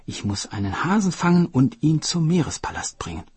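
A man's voice: on the high side, big pitch swings, normal speed, darkish tone, husky, dry recording, voice pushed up, full character voice. A man voicing a loyal, eager female sea turtle who is earnest and full of wonder. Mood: amazed.

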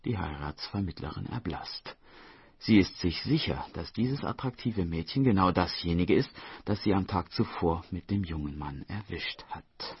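A man narrating a documentary in an expressive, scripted storytelling delivery. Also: low-pitched, normal speed, slightly rough, dry recording. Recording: dull, dry studio voice-over.

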